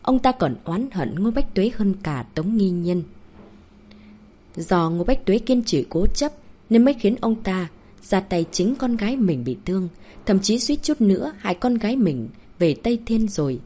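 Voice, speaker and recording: A woman narrating a novel as an audiobook, reading steadily and slowing down for dramatic moments. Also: mid-range voice, lively intonation, warm tone, husky.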